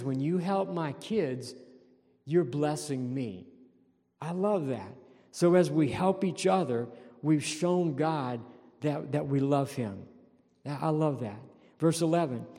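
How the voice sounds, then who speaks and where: A man's voice: a little high, mellow, long reverb tail. A man preaching a sermon as pastor, earnest and repeating key phrases for emphasis. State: throat tickle, clearing throat.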